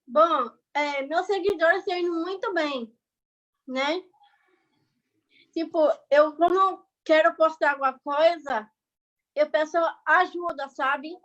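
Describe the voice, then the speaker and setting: A woman from Bahia with a very high voice talks casually over a video call. She rambles and keeps checking that her listeners follow. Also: fairly bright tone, poor audio. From Bahia, Brazil. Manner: chatty, rambling, keeps asking "entendeu?" and "sabe?". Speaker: guest speaker, online creator.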